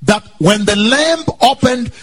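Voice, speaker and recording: A man's voice: very high-pitched, expressive, fairly bright tone, breathy edge. A man preaching a sermon in English phrase by phrase for an interpreter, in a sing-song, exclamatory way.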